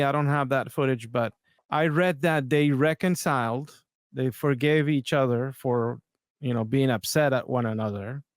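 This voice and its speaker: A podcast host comments on video clips in a medium-pitched, clean-toned male voice. He talks conversationally but hesitantly, restarting his sentences, and the studio recording is dry and clean.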